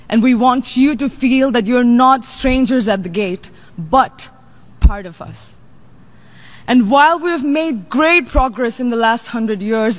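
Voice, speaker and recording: Young woman from Nepal, youth delegate, formal prepared address, deliberate pacing. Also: on the high side. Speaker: youth representative.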